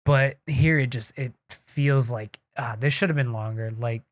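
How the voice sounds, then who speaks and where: Excitable young man on a podcast. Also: medium pitch, no room sound. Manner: excitable, swears freely, talks in quick bursts. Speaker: podcast co-host. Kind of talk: casual chat. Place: home studio. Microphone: desk mic on a live stream.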